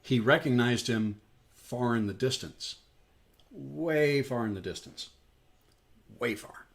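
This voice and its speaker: A man's voice: mid-range voice, takes it slowly, gravelly. A man hosting a daily scripture stream, talking through a parable in a conversational way, with frequent "you know"s. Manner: animated, conversational, many fillers like "you know". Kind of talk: Bible study talk.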